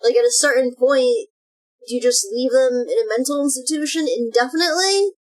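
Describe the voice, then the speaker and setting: A woman's voice: sits high, fairly quick. A woman streamer giving casual reaction commentary in a cute anime streamer manner.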